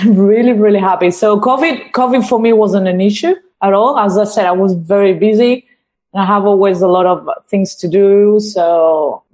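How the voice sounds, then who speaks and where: A woman's voice: medium pitch, a little mellow. A woman from Spain with a Spanish accent, a guest chatting casually and laughing often. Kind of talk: casual chat.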